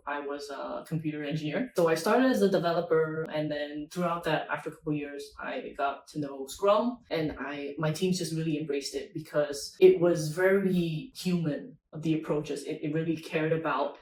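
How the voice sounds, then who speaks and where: A woman's voice: sits low, fairly quick, few pauses, darkish tone. A young woman, a guest in a casual interview, speaking in a friendly, thoughtful way and often restarting phrases. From Singapore. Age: young adult. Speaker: interview guest, agile coach. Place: busy conference venue. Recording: echoey, far from the mic, faint background noise.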